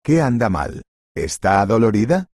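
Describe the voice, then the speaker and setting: A man's voice: lowish voice, sing-song, normal speed, a little mellow, dry recording, clean studio sound. A man voicing a stern, fair-minded male restaurant boss who speaks firmly in a storybook reading. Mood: concerned. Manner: firm, corrective.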